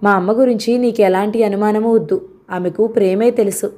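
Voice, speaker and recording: Woman reading as a warm, teasing young husband. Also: mid-range voice, fairly even intonation, brisk, lightly acted. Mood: earnest. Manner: teasing, affectionate, earnest. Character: young educated husband, cheerful and devoted son.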